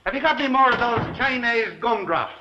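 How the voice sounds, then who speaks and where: A man's voice: extremely high pitch, lively intonation, fairly quick, sharp tone, full character voice. An actor playing a grumbling, teasing, world-weary wise guy in a 1930s film, talking in slang. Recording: dull, hissy vintage film soundtrack.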